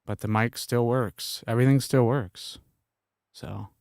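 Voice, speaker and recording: A man's voice: mid-range voice, steady tone, unhurried, creaky, a little mellow, no room sound, studio quality. A man hosting a stream, making offhand, casual comments as he plays recordings. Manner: offhand, mumbling asides.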